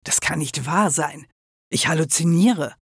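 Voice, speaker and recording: A man's voice: fairly high pitch, unhurried, creaky, fairly bright tone, breathy edge, no echo, clean studio sound, full character voice. A man voicing a young man on the run who sounds scared, sarcastic and disbelieving, in an audiobook. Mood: despairing.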